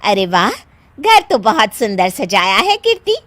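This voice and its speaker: A woman's voice: medium pitch, big pitch swings, unhurried, fairly bright tone, no room sound, pitched below the performer's own voice. A woman voicing chatty middle-aged women friends in a cartoon, gushing and nosy.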